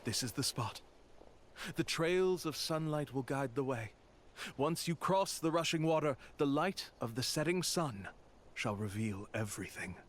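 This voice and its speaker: An actor playing a slick, bold con-man tour guide in a game, talking smoothly and theatrically. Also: medium pitch, lively intonation, unhurried, a little hiss or hum, lightly acted. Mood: mysterious. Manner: smooth, theatrical, dramatic pronouncements. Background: game music.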